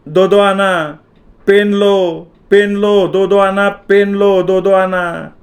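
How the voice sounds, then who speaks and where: A man voicing a cheating male street pen hawker who shouts sales calls and bosses customers around. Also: high-pitched, level tone, slow, pitched above the performer's own voice. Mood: hawking.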